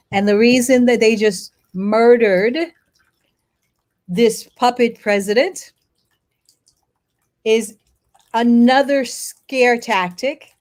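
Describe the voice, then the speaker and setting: Her voice sits fairly high as this middle-aged woman, born in Haiti and brought up in the United States, recounts history for an interviewer. She's a lawyer and activist appearing as a guest, delivering emphatic, clipped phrases broken up by pauses.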